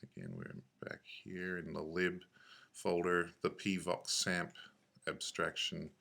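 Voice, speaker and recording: Halting and self-correcting, a man with a creaky, low and flat voice thinks aloud while narrating an unscripted screencast tutorial on software.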